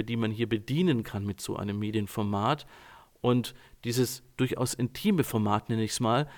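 A man working as a communication coach, talking calmly and directly to his listeners, addressing them formally. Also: medium pitch. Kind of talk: informal talk to listeners.

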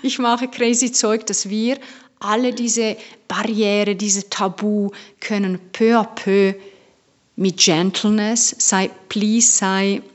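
Slow, playful woman voice coach. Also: medium pitch, highs cut off. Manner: lively, playful, mixes in English words, searches for German words. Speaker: voice coach, guest. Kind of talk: podcast interview.

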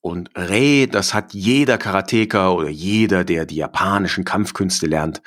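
A man's voice: low-pitched, normal speed, a bit bright. A German man hosting a solo podcast from his home study, talking in a reflective, personal way with frequent fillers. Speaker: podcast host.

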